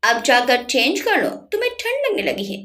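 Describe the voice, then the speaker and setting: A woman's voice: sits high, very animated, moderate pace, fairly bright tone. A woman voicing a reserved young husband in a storybook reading, exasperated and reasoning. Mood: worried.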